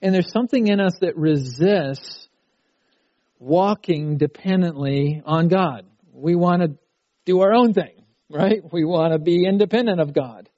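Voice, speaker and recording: A man's voice: high-pitched, unhurried, dark tone, no echo, lo-fi sound. A middle-aged man preaching a sermon at a youth conference, talking in a conversational way and acting out a frustrated child's cries. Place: conference hall.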